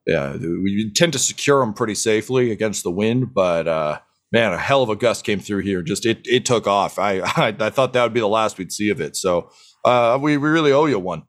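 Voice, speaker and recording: Man voicing a jumpy dwarf guard, stammering, excitable, friendly. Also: on the low side, normal speed, lightly acted. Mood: grateful.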